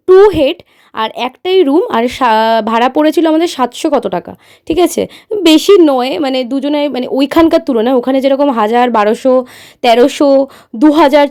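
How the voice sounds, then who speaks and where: Quick high-voiced woman explaining bookings. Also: a little mellow. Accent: Bengali. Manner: instructive, addresses viewers directly, many filler "ah"s. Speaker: travel vlogger. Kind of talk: voice-over explaining online booking.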